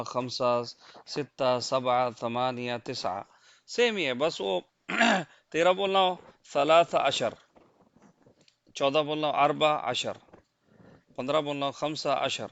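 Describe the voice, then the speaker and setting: A man with a Pakistani Urdu accent teaches from slides, counting through numbers patiently and checking in with his listeners. His voice is smooth and resonant and sits a little high. The recording is dry and somewhat muffled, lacking crisp highs. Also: fairly bright tone, no echo. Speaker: language teacher. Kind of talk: slide-based language lesson. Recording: dull, lo-fi dry close mic.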